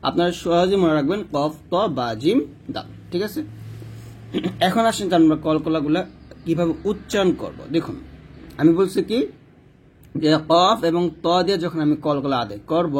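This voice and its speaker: A man teaching Quran reading step by step, explaining rules slowly and drilling the letters in repeated rounds, with an occasional cough. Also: fairly high pitch, darkish tone, breathy edge. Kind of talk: step-by-step recitation lesson.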